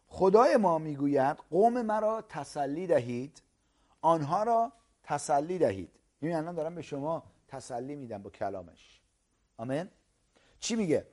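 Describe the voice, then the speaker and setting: A man preaching a sermon as pastor, loud and emphatic, stretching key words slowly for stress. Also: on the high side, animated. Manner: loud, emphatic preaching with rising calls of hallelujah.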